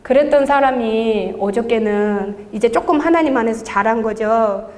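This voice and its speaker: A woman with a fairly high voice tells her testimony at a church service, in a lively storytelling way with frequent laughter. Her voice rings with the long reverb of a large church hall. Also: normal speed. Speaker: intercessory prayer leader giving testimony. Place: church sanctuary.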